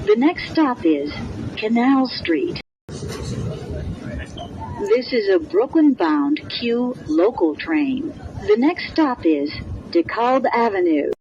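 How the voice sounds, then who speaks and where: Slow, lively-pitched woman announcer over train intercom. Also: a faint crowd. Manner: clearly enunciated, formulaic phrasing in separate segments. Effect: played over a train intercom. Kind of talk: scripted automated transit announcement. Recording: dull train PA with background noise.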